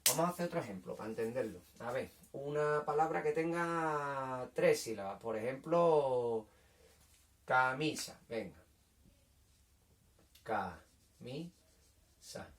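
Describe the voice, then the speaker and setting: A man teaching a children's lesson in a patient, repetitive way, checking understanding often and sounding out syllables slowly. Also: medium pitch, animated, far from the mic, slight background noise. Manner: patient, repeats points, checks with "¿vale?". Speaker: primary school teacher. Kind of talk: recorded language lesson for children.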